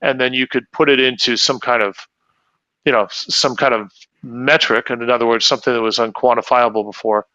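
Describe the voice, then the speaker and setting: Male panelist, sharp tone, muffled lo-fi line, hesitant. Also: medium pitch, fairly even intonation, brisk, no echo. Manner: thinking aloud, many restarts. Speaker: panel guest. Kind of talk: casual panel discussion.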